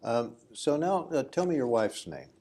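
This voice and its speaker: A man's voice: mid-range voice, sing-song, normal speed, mellow. An American man conducting an informal oral history interview in a folksy, chatty way.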